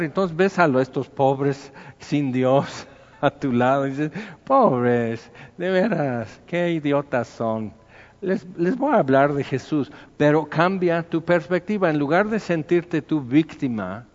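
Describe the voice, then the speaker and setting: Brief: Mexican male pastor, chatty sermon style, murmurs then bursts out, dull echoey church hall sound. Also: mid-range voice. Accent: Mexican Spanish. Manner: conversational preaching, acting out little dialogues, swings from hushed to loud.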